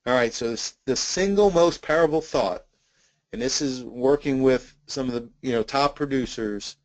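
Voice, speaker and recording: A man's voice: medium pitch, moderate pace, no room sound, rough recording. A man presenting a sales training webinar in an earnest coaching tone, with a slight cough. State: intermittent cough.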